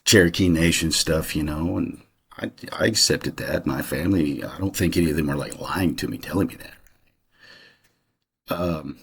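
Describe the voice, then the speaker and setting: Deep husky-voiced man musing aloud. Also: measured pace, a bit bright. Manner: rambling, conversational, many fillers and restarts. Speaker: channel host. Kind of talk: casual personal monologue.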